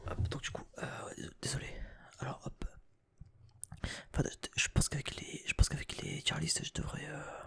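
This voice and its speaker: A man's voice: normal speed, fairly bright tone. A young man whispering casual ASMR chat, hesitant and thinking aloud with many restarts and casual swearing.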